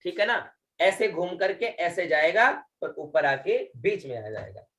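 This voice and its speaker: A man's voice: sits high, sing-song, fairly bright tone. A man teaching Vedic recitation in an online class, speaking patiently, checking in with the students again and again, and drawing out chanted syllables. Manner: slow, patient, repeats words and drawn-out chanted syllables; frequent checking fillers.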